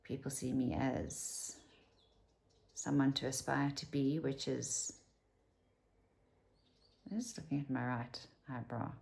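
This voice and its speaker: A South African woman in her fifties vlogs casually to camera at home, rambling and whispering her asides. Her voice rumbles low and a little mellow, slow and creaky, with long pauses.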